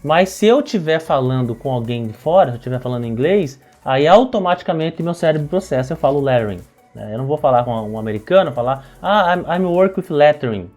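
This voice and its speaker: Brazilian man, quick tutorial delivery, mellow tone, teacher who keeps checking in with the viewer. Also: medium pitch, animated, faint music behind. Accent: Brazilian Portuguese. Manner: explains while writing, keeps checking in with "tá?" and "né?". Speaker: calligraphy and lettering teacher. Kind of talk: tutorial explaining while demonstrating.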